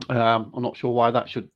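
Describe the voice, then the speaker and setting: A man speaking over a video call whose audio keeps cutting in and out, talking in halting, restarted phrases. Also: medium pitch. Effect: choppy audio that keeps cutting in and out. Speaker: guest recounting a UFO encounter. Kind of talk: remote interview talk. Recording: dull, dry online call audio dropping out.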